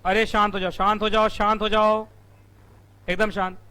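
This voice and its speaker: Bright-voiced teacher bantering with his class. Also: sits high, flat delivery, moderate pace, clear, resonant tone. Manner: teasing, asks the class questions and answers them himself. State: strained throat from shouting. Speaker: company law teacher. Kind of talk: live classroom lecture. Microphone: room mic.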